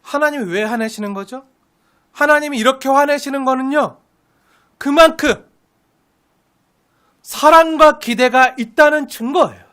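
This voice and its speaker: High-voiced woman preaching a sermon. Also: unhurried, pauses often, fairly bright tone. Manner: asks the congregation questions and answers them herself; emphatic, stretches key words for stress. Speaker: pastor. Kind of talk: expository sermon.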